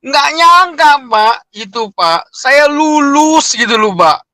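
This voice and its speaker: Middle-aged man, emotional testimony in a high voice, close and dry. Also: slow pace, dry recording. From Indonesia. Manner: emotional, animated storytelling with frequent "Pak". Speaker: interviewee. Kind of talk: personal testimony.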